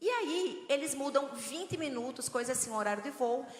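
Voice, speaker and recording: Middle-aged woman preacher, lively and humorous, fairly high voice, long church-hall reverb. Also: normal speed. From Northeast Brazil. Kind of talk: sermon.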